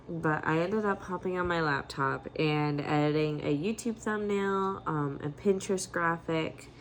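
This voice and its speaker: Candid young woman vlogging, slightly low voice. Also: slight background noise. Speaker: vlogger and writer, new mother. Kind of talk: casual vlog talk to camera.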